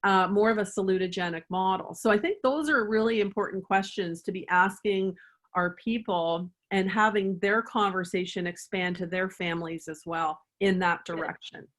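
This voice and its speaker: A woman's voice: mid-range voice, normal speed, a bit bright. A woman chiropractor answering interview questions in an earnest, thoughtful way, at times guiding the listener through a reflection. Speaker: chiropractor guest.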